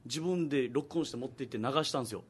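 A man hosting a casual comedy radio talk show, firing off quick teasing retorts and laughing often. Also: mid-range voice, husky.

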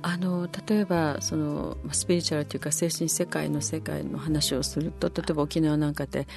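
Chatty woman with a low voice. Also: fairly quick, vocal fry. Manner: chatty, many fillers, pitch jumps when animated. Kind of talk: casual conversation. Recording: faint music behind.

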